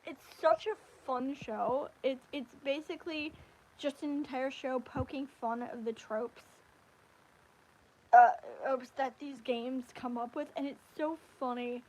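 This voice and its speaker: A woman hosting a casual livestream, chatting about anime in a rambling, animated way. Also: high-pitched, rough recording. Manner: rambling, animated, with frequent restarts and fillers. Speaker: livestream host. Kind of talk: casual anime review chat.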